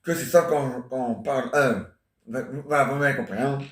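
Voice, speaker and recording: A man's voice: medium pitch, normal speed, far from the mic. A man in his forties rambling and joking in casual chat, teasing banter. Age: 40s. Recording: echoey room.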